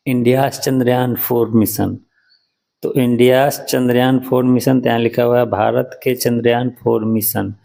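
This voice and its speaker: A man's voice: mid-range voice, level tone, moderate pace, gravelly, mellow. A man, teaching English reading in a patient, repetitive, step-by-step way. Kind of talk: explaining a lesson.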